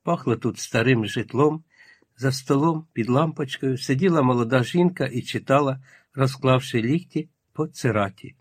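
A man narrating a literary audiobook in a calm, measured storytelling manner, with a husky voice. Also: mid-range voice, dry recording, studio quality.

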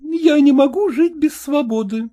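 A male storyteller voicing a lively, frank young woman who firmly sets her terms, in a brisk, coaxing, insistent manner. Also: extremely high pitch, voice pushed up.

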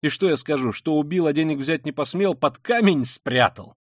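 A tormented, feverish young man, proud and brooding, who lurches from fierce outbursts to low mutters, as a male reader voices him. The storybook reading is dry and close-miked, in a mid-pitched voice. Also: animated, moderate pace, no echo. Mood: bitter. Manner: intense, brooding, swings between outbursts and mutters. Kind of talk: dramatic audiobook reading.

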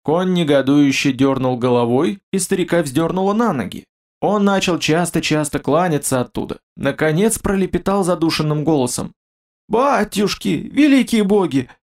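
Male narrator for a fantasy audiobook, steady and expressive, pitch a touch high. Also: moderate pace.

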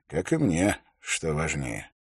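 A dry, wry old grey-bearded ranger, as a low-voiced man reads him, unhurried and gruff. The voice sits deep with a husky edge. The audiobook recording is close and dry. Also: huge pitch swings, no room sound, full character voice.

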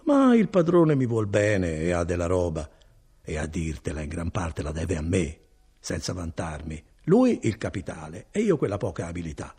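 A man's voice: moderate pace, breathy edge, full character voice. A man voicing a good-hearted, talkative male cousin and foreman in an audiobook reading. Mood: welcoming. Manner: chatty and animated, swinging between high and low.

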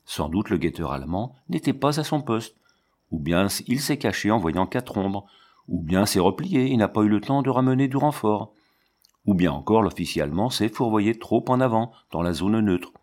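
A man reading a novel aloud in measured, steady audiobook narration. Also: fairly low pitch. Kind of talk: scripted literary narration.

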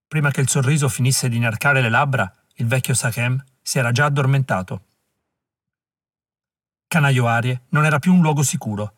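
A man reading a novel aloud as an audiobook narrator, measured and dramatic. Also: mid-range voice, a bit bright, breathy edge, no echo, clean studio sound. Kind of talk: scripted narration.

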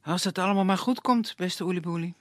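A storyteller voicing a calm, fatherly older wood gatherer who gives directions in a puppet tale. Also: high voice, a little fast, no room sound, studio quality, voice pushed up, close to an everyday voice.

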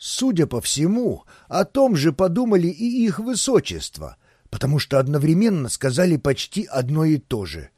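Expressive, husky male storyteller. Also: fairly high pitch, moderate pace, dry recording, clean studio sound. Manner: expressive, theatrical. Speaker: audiobook narrator. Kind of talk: first-person literary narration.

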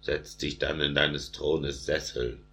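Storybook court adviser, sly and calm, read by a man, deep and flat. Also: slow, gravelly, exaggerated voice. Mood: soothing. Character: cunning wise male royal adviser.

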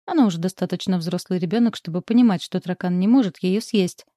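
A woman's voice: lowish voice, quick pace, warm tone, dry recording, clean studio sound, lightly acted. A woman reading aloud, voicing a bewildered young mother who brushes off her child's fears. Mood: indignant.

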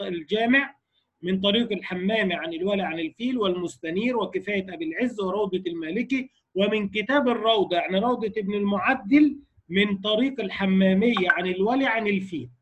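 High-voiced Egyptian man teaching recitation. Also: husky. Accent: Egyptian Arabic. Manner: explanatory, checks in with students. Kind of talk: lecture on recitation variants.

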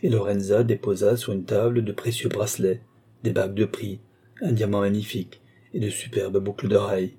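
Dark, husky male narrator. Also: lowish voice, level tone, a little fast. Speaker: audiobook narrator. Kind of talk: literary audiobook reading.

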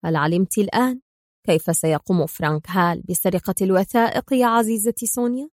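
A woman's voice: medium pitch, fast, no echo, clean studio sound, close to an everyday voice. A woman reading a cool mocking male spy hero. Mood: calm mocking. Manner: sarcastic, calm. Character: calm, mocking male secret agent hero.

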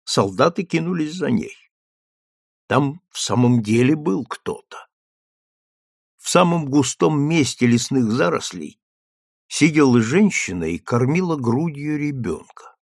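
A man narrates an audiobook in a steady, measured voice. His mid-range tone is gravelly, and the close-mic recording is dry. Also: medium pitch, no room sound. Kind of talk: scripted narration.

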